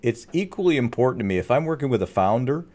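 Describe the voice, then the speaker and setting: A man's voice: medium pitch, quick pace. A man co-hosting a business podcast, talking casually and slipping into playful put-on as he explains his points. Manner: animated, slips into playful put-on accents. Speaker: podcast co-host, agency owner.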